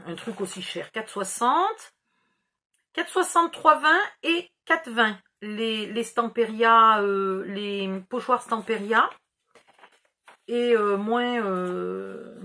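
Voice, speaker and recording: A woman's voice: mid-range voice, sharp tone. A middle-aged woman chatting casually through a scrapbooking haul, rambling and mocking herself as she loses track. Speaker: scrapbooking YouTuber. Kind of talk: casual haul video chat.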